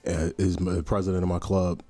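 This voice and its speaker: Laid-back low-voiced podcast host. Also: male voice, flat delivery, quick pace, dark tone, soft background music. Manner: laid-back, conversational, frequent short backchannels. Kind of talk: casual podcast chat.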